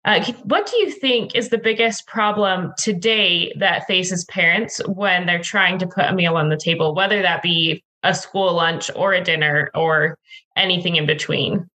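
Bright, upbeat woman podcast host. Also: lowish voice, normal speed, rough recording. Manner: upbeat, enthusiastic, eager. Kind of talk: casual podcast interview.

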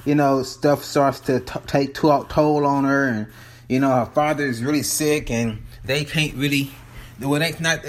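Climbing the stairs of a townhome while holding his phone, a slightly breathless vlogger gives a rambling, profane, chatty take on a movie, restarting often. His voice is mid-range and fairly bright.

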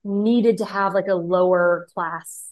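A woman's voice: lowish voice, steady tone, slow, darkish tone, no echo. A young woman co-hosting a podcast in casual chat, rambling and filling her talk with "like". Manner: rambling, full of "like" fillers. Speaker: podcast co-host.

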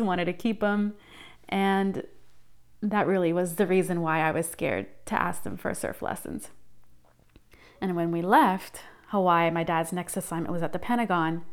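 A woman's voice: medium pitch, smooth. A woman in her thirties hosting her own podcast, telling her life story in an upbeat, scripted narration. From United States. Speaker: podcast host.

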